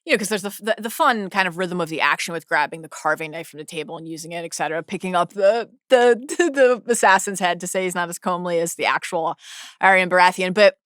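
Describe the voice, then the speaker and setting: A woman co-hosting a podcast, recapping a TV episode quickly and enthusiastically, often restarting sentences. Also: on the low side, fairly bright tone, no echo, studio quality. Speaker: podcast co-host. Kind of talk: casual TV recap chat.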